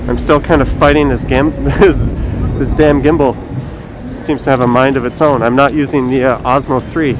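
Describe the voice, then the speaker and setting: A man chats casually and haltingly on a live stream, speaking through a face mask. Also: mid-range voice, fairly even intonation. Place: outdoors in a windy downtown city square. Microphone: phone on a gimbal. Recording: noisy windy city street, traffic.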